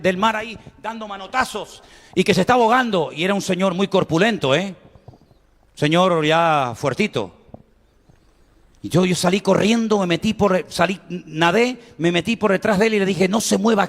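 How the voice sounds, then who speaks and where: High-voiced pastor telling stories. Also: male voice. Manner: animated storytelling, acting out voices and cries. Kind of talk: sermon with personal stories. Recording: long hall reverb.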